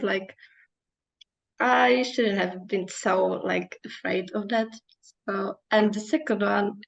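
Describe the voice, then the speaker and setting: A woman's voice: medium pitch, dull audio. A young woman from the Republic, introducing herself casually with many "like" fillers. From Czech Republic.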